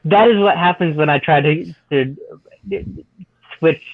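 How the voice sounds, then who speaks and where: A man's voice: on the high side, a little slow. A man playing a tabletop game over a call, heard through a thin, tinny sound as if through a tin can phone, thinking aloud as he asks questions. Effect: tinny sound as if talking through a tin can phone. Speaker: player. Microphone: new phone with new headphones. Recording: tinny phone line, dry.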